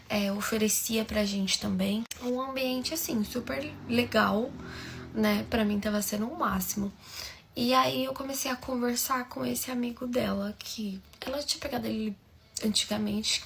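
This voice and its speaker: A woman's voice: a little high, creaky, a little hiss or hum. Chatty young Brazilian woman telling a story. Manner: chatty, gossipy, addresses viewers directly. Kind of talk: casual storytime monologue.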